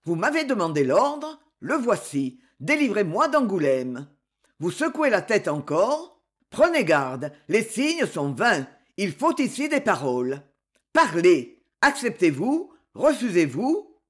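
Stern boy king, husky and commanding, read by the narrator in an audiobook. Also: mid-range voice, sing-song, full character voice. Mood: demanding. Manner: stern, threatening, weighty pauses. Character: young king, fifteen, suspicious, commanding. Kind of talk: audiobook character reading.

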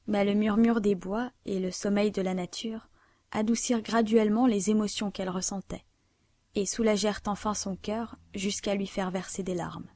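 A woman narrating a classic novel aloud in a measured, even reading style. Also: mid-range voice, no echo. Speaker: audiobook narrator.

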